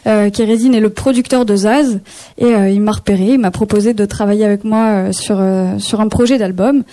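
A young woman from Picardy, a singer-songwriter chatting in a radio studio interview, answering in a chatty, hesitant way with many pauses. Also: mid-range voice, fairly even intonation, dark tone. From Picardy, France. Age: young adult.

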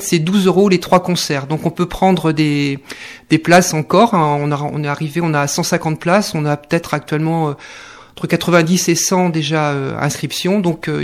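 A man, guest in a radio studio interview, talking with many fillers and restarts. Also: a little high. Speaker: guest, neighbourhood committee co-president.

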